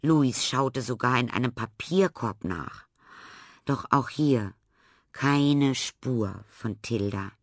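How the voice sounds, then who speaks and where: A man narrating a children's storybook in a lively, expressive way. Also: mid-range voice, slow pace, dry recording, studio quality.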